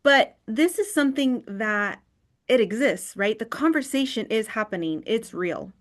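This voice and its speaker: A woman's voice: fairly high pitch, lively intonation, measured pace. A woman leading an online wellness workshop in a screen recording of a video call. She talks conversationally and often checks in with "right?".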